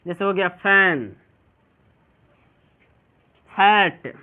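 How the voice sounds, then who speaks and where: A man's voice: sits high, drawn-out words. Male teacher with a tinny phone-like sound. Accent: Bihari Hindi. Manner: repeats questions to students and answers them himself. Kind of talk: classroom English pronunciation lesson.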